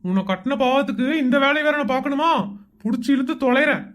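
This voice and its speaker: An exasperated young husband in a Tamil cartoon, put on by a voice actor, with a raised, fairly high voice. He grumbles and fires off sarcastic complaints. It is homemade animation voicing. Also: animated, fast talker, fairly bright tone.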